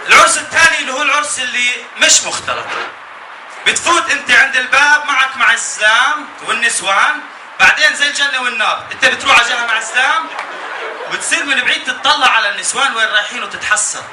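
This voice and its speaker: A man with a Jordanian accent doing stand-up comedy as an animated, escalating rant, telling stories and acting out bits. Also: very high-pitched, very fast. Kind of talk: stand-up comedy about weddings. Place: live comedy show before an audience. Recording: echoey live venue, distant, noisy laughing crowd.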